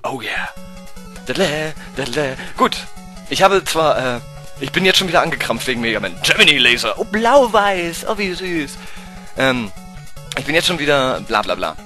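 A German-accented man playing through a game and talking the whole time, his voice bright and a touch high. He swears at the game and swings between low grumbling and yelps of panic. He sounds like he is at a home desk mic, with the game's music playing faintly underneath. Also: normal speed. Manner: excitable, swears at the game, swings from mutters to shrieks. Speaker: let's play gamer. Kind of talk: live gameplay commentary.

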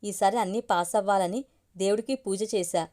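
A woman's voice: mid-range voice, steady tone, a little fast, mellow, close to an everyday voice. A woman voicing a chatty college girl. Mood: playful. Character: young college girl, playful daughter.

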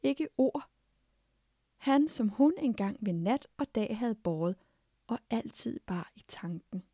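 A woman narrating a fairy tale in a slow, hushed way, often dropping into unvoiced whispers. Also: medium pitch, lively intonation, slightly rough, dry recording. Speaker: audiobook narrator.

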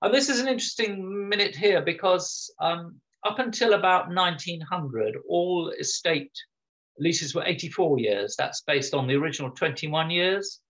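This man's voice runs on the high side, a bit bright and expressive, at a moderate pace. He's presenting an illustrated local history talk informally over a video call from home, chatty and prone to ums and starting over. The sound is dull, lo-fi call audio.

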